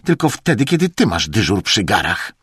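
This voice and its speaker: A man voicing a calm, cryptic male Chinese shaman with a high, sly, drawn-out manner. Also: slightly rough, dry recording, studio quality, full character voice.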